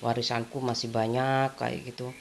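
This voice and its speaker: A woman's voice: rumbling low, flat delivery, normal speed, gravelly, a little hiss or hum. A woman, chatting casually in a rambling way to her vlog audience and leaning on the same fillers over and over. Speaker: vlogger. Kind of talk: casual chat.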